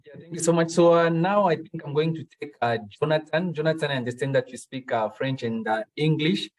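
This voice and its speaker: A man from the Democratic Republic of Congo moderating an online panel, speaking slowly with frequent fillers. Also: a little high, low-quality recording.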